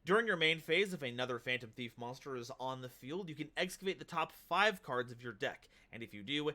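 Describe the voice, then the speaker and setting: Bright, upbeat male streamer. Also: mid-range voice. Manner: upbeat and hype, reads card text aloud. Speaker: streamer host. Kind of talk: casual livestream chat.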